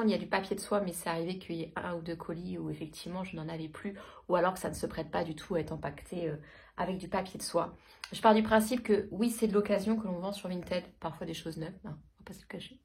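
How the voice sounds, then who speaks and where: A woman in her thirties chatting casually through a shopping haul, hesitant with many fillers. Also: medium pitch. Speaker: vlogger. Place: home.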